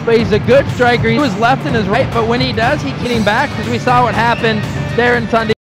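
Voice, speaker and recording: A man's voice: very high-pitched, steady tone, fast talker. A man giving analytical live colour commentary on a mixed martial arts fight. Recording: live arena broadcast, crowd and music behind.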